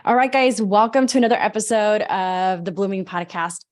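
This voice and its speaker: A woman with a medium-pitched voice speaks at normal speed as a podcast host. Eager and chatty, she runs her sentences together in long run-ons while enthusiastically introducing a guest in the podcast interview.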